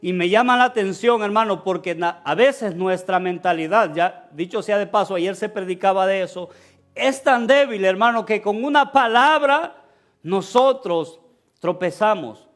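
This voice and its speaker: High-voiced man preaching a sermon. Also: moderate pace, a bit bright. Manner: preaching, addresses listeners as "hermano"; acts out quoted characters in dialogue. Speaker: pastor.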